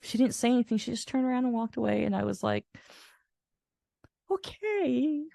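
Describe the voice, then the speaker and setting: An older woman host telling a personal caregiving story in a soft, reflective way, restarting her sentences as she goes. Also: fairly high pitch, fairly even intonation, very fast, gravelly, dry recording, clean studio sound. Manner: reflective, soft-spoken with frequent laughs and restarts.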